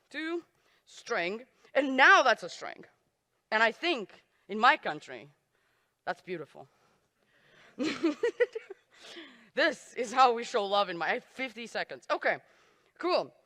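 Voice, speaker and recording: Bright-voiced woman live coding on stage. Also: on the high side, sing-song, measured pace, pauses often. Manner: self-deprecating, joking asides while typing. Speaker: conference speaker. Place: conference stage in a large hall. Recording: reverberant hall.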